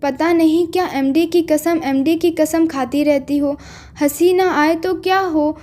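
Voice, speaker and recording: Teasing young man in a story, read by a woman, soft mellow tone. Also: high voice, steady tone, unhurried. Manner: mocking, laughing at her.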